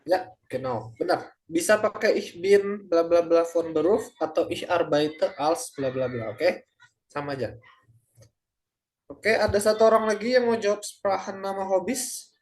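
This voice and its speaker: A man's voice: high-pitched, moderate pace. A young adult man tutoring a German class over a video call, speaking casually with lots of hesitant fillers. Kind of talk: online class teaching.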